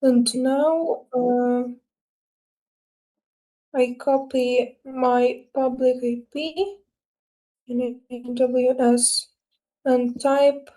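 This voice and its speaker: A woman walking through her screen in a live tutorial, halting and full of filler sounds as she searches for English words. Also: high voice, warm tone. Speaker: student presenting her work.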